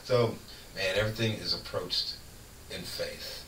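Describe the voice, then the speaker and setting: A man's voice: low voice, fairly even intonation, a little slow, pushed and bright, far from the mic. A middle-aged man hosting a radio show, talking about faith in a folksy, emphatic, preachy way and laughing often. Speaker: radio host. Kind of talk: casual faith talk. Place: radio studio. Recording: roomy studio, off-mic, faint hiss.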